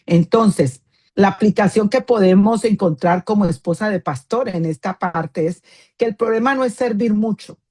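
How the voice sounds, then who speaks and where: A woman's voice: medium pitch, moderate pace, darkish tone, breathy edge. A woman, a pastor's wife, giving an earnest teaching talk to other women in a firm tone that can sound scolding, with many fillers and "isn't that right?" asides.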